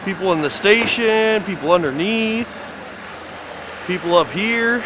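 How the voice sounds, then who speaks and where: A man's voice: high-pitched, unhurried, background noise. Enthusiastic man on an outdoor site tour. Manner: enthusiastic, rambling with fillers. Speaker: fan site video host. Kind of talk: casual walking site tour.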